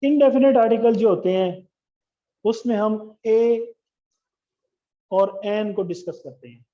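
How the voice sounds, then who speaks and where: A man's voice: sits high, takes it slowly, mellow. A man teaching English grammar in a classroom lecture, explaining step by step and asking the class questions. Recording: dull lo-fi classroom recording.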